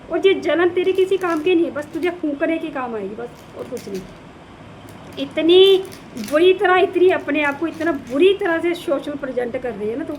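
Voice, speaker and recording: A woman with a high voice delivers heated reaction commentary. She scolds and mocks, and she circles back on her own phrases to drive them home. Faint noise sits under the recording. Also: rough recording. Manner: scolding, sarcastic, repeats phrases. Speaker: reaction video creator.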